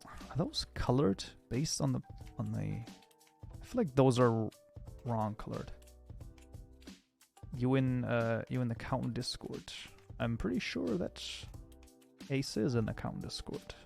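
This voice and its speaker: A man streaming his game modding live, chatting casually and reacting to chat in an excitable, rambling way. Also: medium pitch, slow, creaky, pauses often, soft background music.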